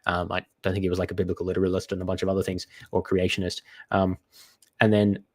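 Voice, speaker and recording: Low-voiced man with a stuffy nose. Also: level tone, a little mellow. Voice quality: stuffy nose from being sick. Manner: hesitant, halting, digressive with many restarts. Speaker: commentator reacting to apologetics content. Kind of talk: unscripted reaction commentary.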